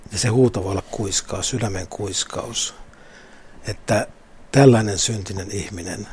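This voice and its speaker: Earnest low-voiced man on faith. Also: darkish tone, slight background noise. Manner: earnest, thoughtful, with restarts. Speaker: guest. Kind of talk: reflective faith talk.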